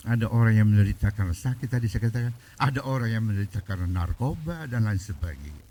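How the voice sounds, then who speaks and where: A pastor preaching a sermon, telling a story and quoting the people in it. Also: male voice, on the low side, expressive, quick pace, warm tone, a little hiss or hum, rough recording. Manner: storytelling, quoting people in their own voices.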